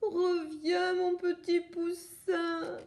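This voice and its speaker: A woman voicing a fretful mother hen who calls after her runaway eggs in high, shrill scolding cries. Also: little pitch movement, very slow, darkish tone, exaggerated voice. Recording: roomy echo.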